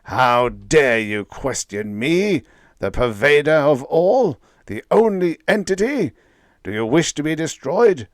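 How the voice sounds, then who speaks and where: A man plays an ancient, furious cosmic intelligence, supremely arrogant, booming out commands and roaring threats in an imperious, pompous manner. His voice sits a little high and moves in a sing-song, unhurried way, pushed upward. The studio recording is clean and dry.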